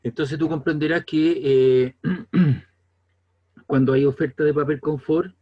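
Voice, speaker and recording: A man's voice: a little high, steady tone, unhurried, mellow, dull audio. A man with a Chilean accent giving a classroom lecture in a conversational way, often checking whether the students follow. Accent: Chilean Spanish. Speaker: teacher.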